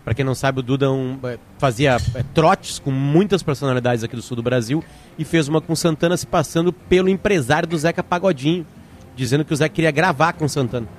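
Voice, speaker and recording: Chatty gaúcho podcast host. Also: male voice, on the high side, fast, slight background noise. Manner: chatty, explanatory. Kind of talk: casual podcast talk.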